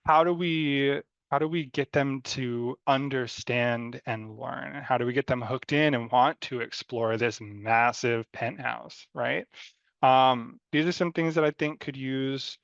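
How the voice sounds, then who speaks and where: A man gives friendly design feedback in a rambling, unscripted way, with lots of fillers and light self-deprecating humor. His voice has a gravelly texture. The recording is dry and a little dull and lo-fi. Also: mid-range voice, a little slow, fairly bright tone, no room sound. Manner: rambling, loose delivery with many fillers. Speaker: mentor giving design feedback. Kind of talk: live design critique, casual and unscripted.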